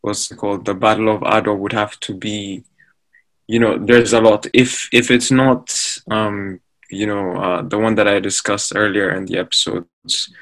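Young man, podcast co-host, casual chat. Slightly low, relaxed delivery, searches for words as he talks. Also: low-quality recording. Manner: relaxed, fills pauses with "what's it called".

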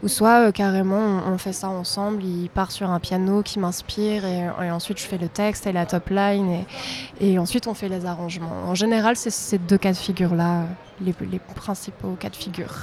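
A woman's voice: medium pitch, fairly even intonation, moderate pace, a little mellow. A young woman from south-east France, a singer-songwriter, answering interview questions in a conversational way.

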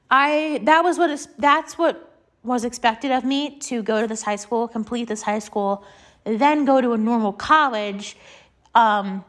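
A young woman in her late teens with a congested, stuffy-nosed voice, chatting casually and confidingly in a personal monologue, with halting, filler-heavy phrasing. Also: fairly high pitch. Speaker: podcast host.

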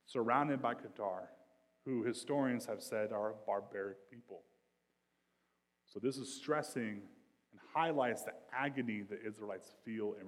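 A male pastor preaching a sermon in a conversational style, with slang and quick asides, moving between quiet reflection and loud, intense passages. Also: mid-range voice, long reverb tail.

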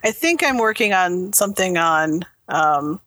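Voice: mid-range voice, expressive, measured pace, a loud crowd. A tired podcast co-host chatting casually from inside a car, rambling and correcting themselves. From Minnesota. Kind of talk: casual chat.

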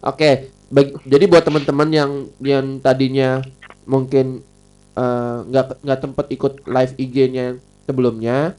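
A man's voice: medium pitch, steady tone, takes it slowly, darkish tone. A man with an Indonesian accent and a slight self-described lisp, hosting an informal live stream and often repeating his phrases. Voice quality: self-described slurred R and L speech. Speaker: live stream host and podcaster. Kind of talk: casual live stream chat.

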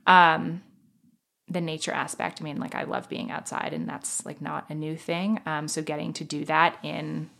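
Casual interview guest: American woman, lowish pitch, bubbly girly chatter loaded with "like", self-deprecating. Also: flat delivery, normal speed, vocal fry, fairly bright tone. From Manhattan, New York. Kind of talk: casual conversational chat.

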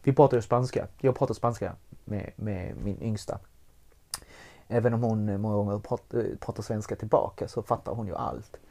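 A man telling a personal story in a conversation, candid and animated, swearing freely as he goes. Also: lowish voice. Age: adult with young child.

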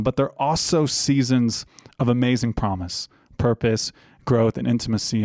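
A man's voice: mid-range voice, darkish tone, no echo, studio quality. A man hosting a faith podcast, speaking in a playful, joking way as he introduces his guest and topic. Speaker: podcast host. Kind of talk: upbeat podcast intro chat.

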